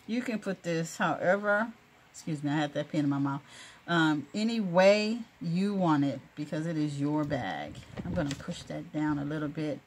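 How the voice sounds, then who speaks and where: A woman hosting a casual sewing tutorial, chatty and encouraging, laughing often and filling pauses with "um" and "you know". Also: fairly low pitch, darkish tone, a little hiss or hum. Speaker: crafting video host.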